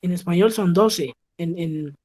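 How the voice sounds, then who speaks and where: A woman teaching an English lesson over a video call, with a voice a touch lower than most. She talks patiently and stops often to check that the class is following. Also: unhurried, mellow. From Colombia. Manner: patient, checks understanding with frequent "¿sí?". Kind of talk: online class explaining pronunciation.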